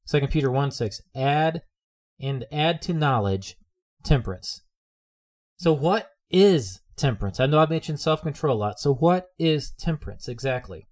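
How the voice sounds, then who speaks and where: A man's voice: fairly high pitch, expressive, moderate pace. Earnest male preacher repeating for emphasis. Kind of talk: sermon.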